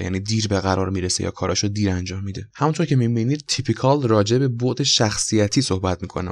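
A man whose first language is Persian, teaching an English vocabulary lesson and repeating and spelling out each word slowly. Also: lowish voice. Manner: slow, drawn-out spelling and repetition of words.

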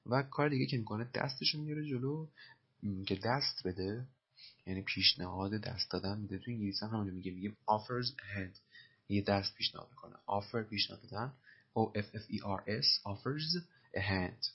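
A man's voice: lowish voice, fairly even intonation, breathy edge. A man teaching English by explaining film lines, patiently repeating phrases and spelling words out letter by letter. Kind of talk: explaining film dialogue in a language lesson. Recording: dull lo-fi recording.

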